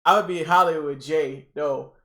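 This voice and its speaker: A young man hosting a casual livestream reaction, excitable and rambling, repeating himself and talking to his chat. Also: on the high side, normal speed. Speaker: livestream host.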